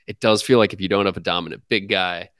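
Podcast co-host, male, fairly low voice, measured and teasing, dry close mic. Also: steady tone, a bit bright, no room sound. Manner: measured, teasing, halting restarts. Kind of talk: casual sports podcast chat.

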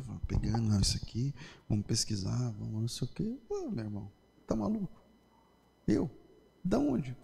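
Impassioned Brazilian pastor in a reverberant hall. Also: male voice, mid-range voice, creaky. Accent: Brazilian Portuguese. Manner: swings between loud impassioned preaching and quiet storytelling. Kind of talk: sermon.

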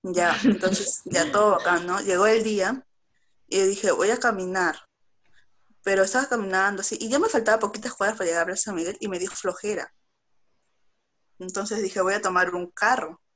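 A young woman with a Peruvian Spanish accent tells a story to friends in relaxed chat. She speaks at a medium pitch, talks in quick animated bursts and drops into her own quoted lines. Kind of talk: casual chat.

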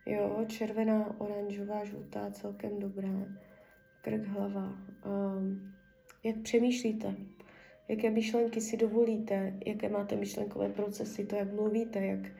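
Creaky, flat-voiced woman healer. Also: medium pitch, recorded from a distance. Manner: murmured, repetitive incantations; half-whispered prayers. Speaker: spiritual healer. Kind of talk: energy healing session.

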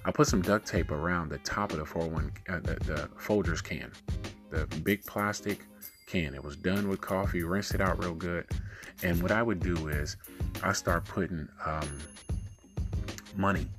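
A man hosting a casual self-help talk, giving advice in a monotone, laid-back, colloquial way. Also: deep voice, normal speed, over music.

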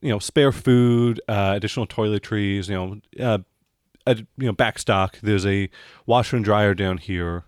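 A game master in a tabletop role-playing game, this man has a fairly low, clear, resonant voice. He pieces together his descriptions haltingly, captured in a dry, close recording.

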